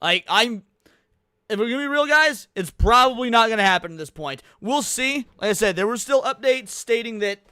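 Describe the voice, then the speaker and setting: A man hosts a live reaction stream, talking bluntly with plenty of swearing and stumbling restarts. His voice is high and smooth. It is recorded close and dry, with no room sound. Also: animated, normal speed, pushed and bright, no echo. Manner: blunt, profane, many fillers and restarts. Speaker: livestream host. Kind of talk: casual live reaction commentary.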